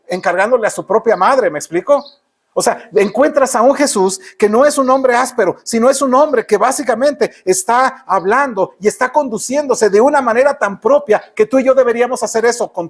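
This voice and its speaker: A man with a Mexican Spanish accent preaching a sermon in church, often asking the congregation rhetorical questions. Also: very high voice. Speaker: pastor.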